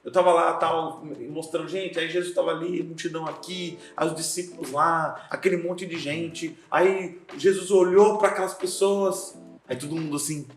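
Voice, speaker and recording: A man with a deep voice talks casually on a podcast, telling stories with a playful, animated delivery. He is a pastor and teacher. The room sounds roomy, and faint music plays underneath. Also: moderate pace. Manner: lively storyteller, acts out scenes, laughs often. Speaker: seminary professor and pastor, guest.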